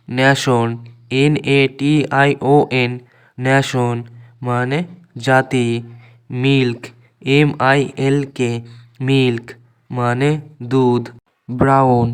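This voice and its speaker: A man teaching a vocabulary lesson, reading a word list and spelling each word out letter by letter in an even, measured way. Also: medium pitch, clean tone. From Bengal. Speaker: English teacher.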